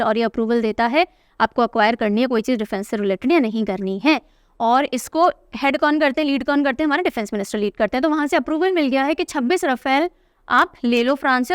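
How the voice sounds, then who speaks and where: A young woman gives an exam-prep current affairs lesson, asking questions aloud and answering them herself. Her voice sits high and rings clean and resonant. The sound is dry and close, with no room echo. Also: clean tone. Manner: explanatory, asks and answers her own questions. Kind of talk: exam-prep lecture, Hindi mixed with English.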